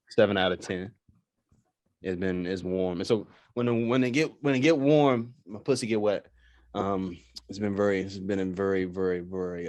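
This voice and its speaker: A man's voice: low voice, a little mellow. A man co-hosting a podcast in casual banter, with crude jokes, slang and swearing. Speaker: podcast co-host.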